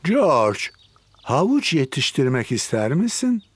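Gentle old grandpa pig, husky, very animated, slow, close dry sound, children's cartoon. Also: male voice, on the high side, dry recording, exaggerated voice. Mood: kindly.

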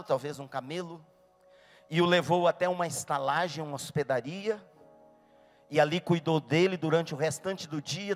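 Male pastor, fairly high, expressive sermon voice with shouted peaks, soft music under. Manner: animated, dramatic storytelling with sudden shouts.

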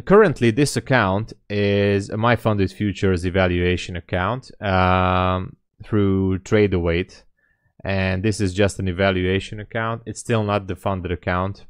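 A man's voice: low voice, clean tone, no room sound, studio quality. A man in his late thirties chatting casually on a live trading stream, rambling and thinking aloud as he answers chat from a small room. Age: 30s. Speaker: day trading livestreamer.

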